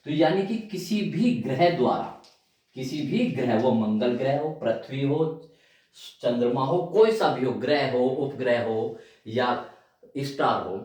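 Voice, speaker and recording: A male physics teacher giving a classroom lecture, animated and constantly addressing his students, repeating key terms as he writes them out. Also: mid-range voice, unhurried. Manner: animated, calls out to students often, repeats terms while writing. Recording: loud echo, from far off.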